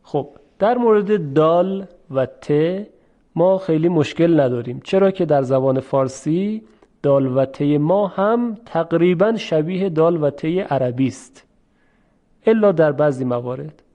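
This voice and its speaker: A man teaching how to pronounce Arabic letters for Quran recitation, explaining slowly and repeating drill sounds. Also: on the high side, lively intonation, mellow, highs cut off. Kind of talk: explanatory lesson on letter pronunciation.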